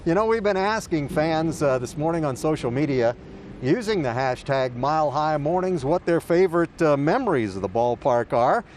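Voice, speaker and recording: A man's voice: on the high side, animated, normal speed, a little mellow, a little hiss or hum. Friendly man anchoring a morning show. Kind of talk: casual studio chat.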